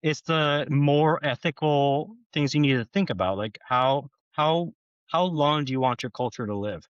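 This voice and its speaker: In a casual podcast conversation, a U.S. guest voices his opinions freely and keeps adding "right?" to check in. He speaks at a measured pace in a slightly high, clean-toned voice. The recording lacks room sound, and its highs are cut off.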